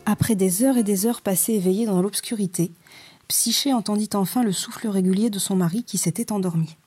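A woman narrates a storybook tale in a measured, expressive manner, suited to a calm bedtime reading. Her medium-pitched voice is mellow, dark and husky, with faint music in the background.

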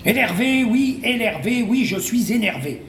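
A man's voice: high-pitched, animated, normal speed, a little mellow, reverberant, a little hiss or hum. A man playing a grumpy loner living on the moon, in a sweary, mock-serious comic monologue. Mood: frustrated.

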